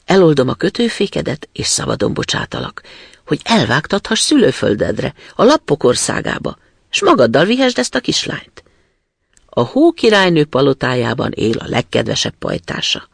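A brash robber girl from a fairy tale, fierce and teasing, as a man puts her on. She is pitched well above his own voice, her lines swinging up and down, with a husky, crackly grain. The sound is dry and close. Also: huge pitch swings, no room sound, heavily acted. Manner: brash, threatening, loud.

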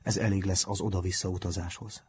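A man doing a gruff, kindly old-school teacher. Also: low-pitched, level tone. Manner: gruff, loud exclamations. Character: stern but kind middle-aged male schoolteacher.

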